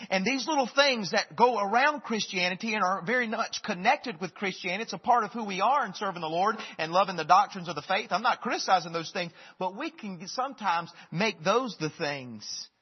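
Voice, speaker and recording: A man preaching a sermon, emphatic, moving between loud bursts and hushed lines and often repeating words as he restarts phrases. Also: a little high, slightly rough. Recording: dull long-reverb hall sound.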